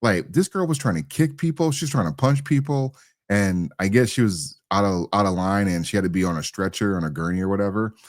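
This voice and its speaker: A man's voice: on the low side, brisk, dry recording, studio quality. A man giving casual, opinionated commentary as a co-host, slangy and rambling, often repeating his phrases. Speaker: talk show co-host.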